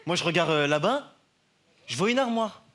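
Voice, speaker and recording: A male stand-up comedian telling a story on a TV studio stage in an animated, chatty way, laughing along as he goes. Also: high voice, normal speed. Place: TV studio stage with live audience. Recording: loud audience laughter and noise.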